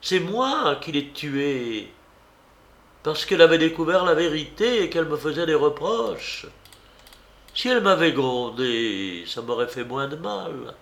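A man reading aloud, voicing a young servant woman who speaks in a calm, commanding way. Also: fairly high pitch, measured pace, gravelly, roomy sound, voice pushed up, exaggerated voice. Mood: confessing. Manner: cold, commanding, quiet.

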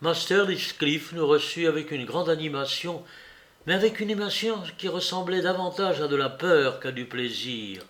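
A male audiobook narrator reading a classic novel in a measured, even way. His voice sits a little higher than most men's.

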